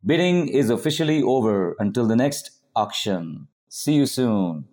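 A man's voice: mid-range voice, big pitch swings, measured pace, a little mellow. A man performing a spoken word poem as rhythmic, rhyming auctioneer patter. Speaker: poet.

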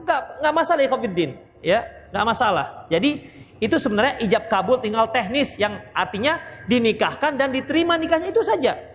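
High-voiced preacher in a reverberant hall. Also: male voice, a little fast, slight background noise. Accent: Medan Indonesian. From Indonesia. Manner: lively, jokes and acts out wedding vows. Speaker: Islamic preacher. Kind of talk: hadith lesson and Q&A.

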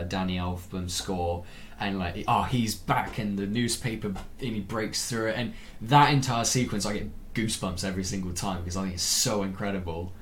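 A man's voice: low voice, a little hiss or hum. A man co-hosting a podcast in natural, unscripted casual chat, rambling and enthusiastic about films and games. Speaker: podcast co-host.

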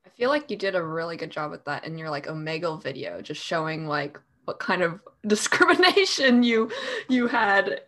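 Low-voiced woman interviewer. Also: sing-song, normal speed, fairly bright tone. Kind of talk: casual interview chat.

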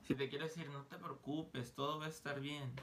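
A man teaching an online English lesson, explaining grammar casually and slowly sounding out English example phrases. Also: on the high side, steady tone, a bit bright, slight background noise. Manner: slow, deliberate modeling of English phrases; casual, joking asides.

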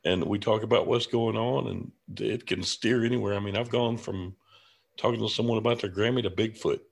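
A laid-back man who hosts an interview show, talking enthusiastically over a video call. His voice is low, gravelly and a little husky. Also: steady tone, brisk. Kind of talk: casual chat.

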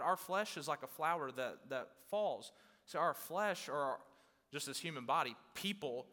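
A man in his thirties, a pastor giving a sermon in a conversational way, growing loud and intense on key points. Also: on the high side. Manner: conversational preaching, swelling loud on emphasis. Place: large church hall. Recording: long hall reverb.

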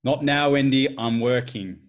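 A man's voice: medium pitch, unhurried, muffled recording, lightly acted. A man improvising a defensive mid-forties husband who later plays a fussy hotline caller. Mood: irritated. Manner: defensive, officious. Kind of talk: improvised comedy sketch.

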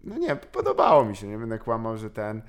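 Low-voiced guy in a loose podcast chat, lots of swearing and laughing. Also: fairly quick. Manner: animated, swears often, laughs a lot.

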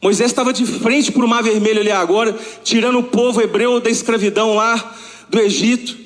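A man's voice: very high voice, fairly even intonation, fairly quick. A male pastor with a Brazilian Portuguese accent preaching a sermon at a church service. He tells stories in a colloquial, slangy way and acts out the dialogue. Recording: long church hall reverb.

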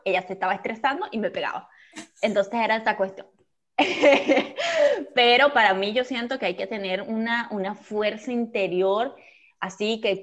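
A woman with a Venezuelan Spanish accent, chatting casually and frankly as a co-host with laughing asides. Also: mid-range voice. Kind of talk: casual chat. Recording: dull lo-fi recording.

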